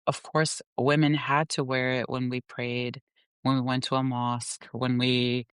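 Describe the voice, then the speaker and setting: A woman guest who grew up in the Gulf, Pakistan and the US, talking candidly and reflectively in an interview, laughing softly between thoughts. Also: extremely low pitch, flat delivery, smooth, no room sound. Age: adult. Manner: reflective, unhurried, laughs softly mid-sentence.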